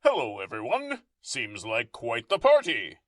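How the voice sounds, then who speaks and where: A man voicing a calm, smug superhero who brushes off the villain. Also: medium pitch, a little slow, dry recording, studio quality.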